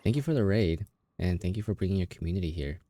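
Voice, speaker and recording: A man's voice: low voice, lively intonation, fast, dark tone, soft background music. A young man streaming a game, chatting emotionally with viewers and often restarting his sentences. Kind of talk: casual game stream chat.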